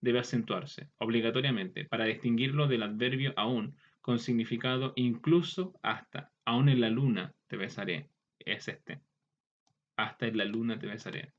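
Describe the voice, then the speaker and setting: A man teaching a grammar lesson, repeating example words and adding quick asides. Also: medium pitch. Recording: slightly dull lo-fi recording.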